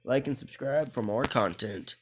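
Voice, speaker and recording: A man's voice: mid-range voice, moderate pace, slight background noise. A young man with an Irish accent chatting casually over his mobile game footage, rambling and often restarting his words. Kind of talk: casual gaming commentary.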